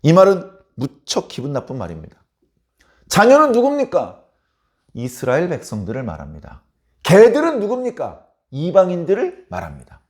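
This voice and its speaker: A man's voice: a little high, huge pitch swings, normal speed. A man preaching a dawn sermon as a pastor, telling the story dramatically and acting out the people in it. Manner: dramatic, acts out biblical characters in voices.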